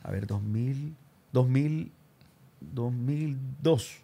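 A man's voice: mid-range voice, very slow, gravelly, noisy background. A man hosting an interview, telling his own story casually, full of slang. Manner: animated, slangy, does voices of people he quotes. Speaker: show host and radio announcer.

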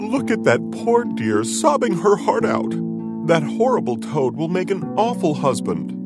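A man's voice: on the high side, sing-song, unhurried, creaky, loud music behind the voice, pitched above the performer's own voice, full character voice. A man voicing a kind, indignant fish in a cartoon, sounding sympathetic. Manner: sympathetic, rallying.

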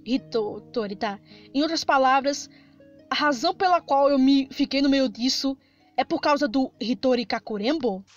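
A high-pitched Brazilian woman chatters through a horror game, reading the text aloud and reacting as she goes. Her voice comes through a slightly dull, lo-fi recording with faint game music underneath. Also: moderate pace. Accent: Brazilian Portuguese. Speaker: gaming streamer. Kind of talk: Let's Play commentary.

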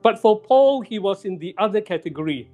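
High-voiced male pastor preaching slowly. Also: lively intonation, warm tone, soft background music. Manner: slow, deliberate preaching with repeated emphasis. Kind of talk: sermon. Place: church sanctuary.

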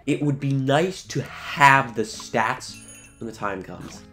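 A man's voice: mid-range voice, takes it slowly, a bit bright. Guy casually narrating his game, chats to the characters, swears a bit, music in the back. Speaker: let's play host. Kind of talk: casual video game commentary.

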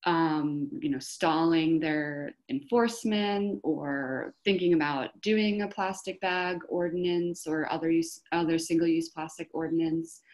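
A woman with a low voice speaks slowly and deliberately, laying out her points for an audience. She explains things patiently and often pauses in the middle of a phrase. She is heard over a video call. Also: darkish tone. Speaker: panelist for an environmental group. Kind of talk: informative panel Q&A answer.

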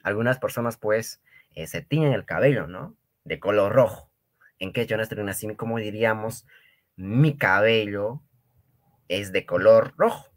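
A man's voice: lowish voice, expressive. A man teaching a Quechua lesson, patiently repeating each word and checking in with his students. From Peru. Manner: patient, repeats words slowly, often asks "¿ya?" and "¿no ve?". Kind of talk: online language lesson.

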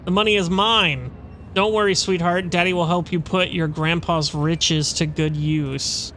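A man's voice: fairly high pitch, steady tone, a little slow, bright, forceful tone, slight background noise. Man putting on a greedy, sneering villain dad. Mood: gloating. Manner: sneering, threatening. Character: greedy, menacing, hard-drinking father, a game villain.

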